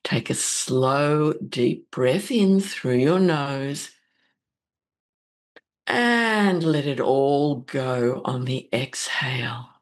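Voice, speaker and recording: A woman with a deep-set voice leads spiritual narration and guided meditation. She speaks very unhurriedly, placing phrases deliberately. Her delivery is gentle and soothing throughout. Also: expressive. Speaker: astrology host and meditation guide.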